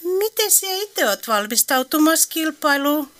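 In this radio play, a woman plays a wry elderly character with an Eastern Finnish dialect, dry and teasing in manner. Her voice is high and sing-song with a fairly bright tone.

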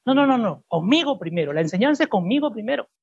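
A husky man preaches to his church congregation, pressing his points and throwing questions back at the room. The recording sounds muffled and dull. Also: high voice, big pitch swings, fast. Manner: emphatic, asks the congregation rhetorical questions. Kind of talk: sermon. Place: church service before a congregation.

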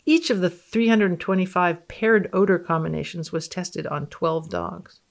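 A woman physicist guesting on a podcast reads research aloud dramatically and banters in a dry, matter-of-fact manner. Her voice is lowish and gravelly, and she speaks unhurriedly.

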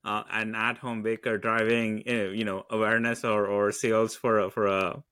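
Low-voiced hesitant male interviewer. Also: flat delivery, normal speed, bright, forceful tone, clear, resonant tone, no room sound. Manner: hesitant, with many "uh" and "um" fillers and repeated words. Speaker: interview host. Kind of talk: interview questions.

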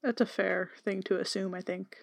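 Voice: medium pitch, fairly even intonation, normal speed, gravelly, no echo, clean studio sound. A podcast co-host reacting with short, skeptical comments and questions in casual chat.

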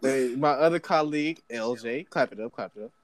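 A man's voice: medium pitch, a little fast, dry recording. A young man hosting a casual group chat, joking around, swearing freely and bossing the questions along. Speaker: segment host asking questions.

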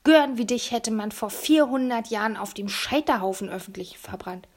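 A menacing, bullish kidnapper snarls and sneers at the children, then turns sickly sweet, voiced by a woman reading the story aloud. Loud, pushing delivery over a gravelly grain. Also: a little high, lively intonation, normal speed. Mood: sneering. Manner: growling, sneering, mock-sweet. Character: brutish, menacing grown male kidnapper. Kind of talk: audiobook character voice.

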